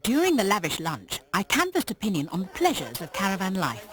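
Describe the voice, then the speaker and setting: A woman's voice: medium pitch, wildly swooping pitch, brisk, heavy background noise. A woman reading scripted narration for a magazine-style feature as its reporter.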